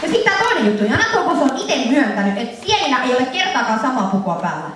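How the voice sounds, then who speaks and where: A young Finnish woman presenting a lively convention panel to an audience, laughing and acting out scenes in funny voices. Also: high voice. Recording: echoey hall, voice from far off, faint noise.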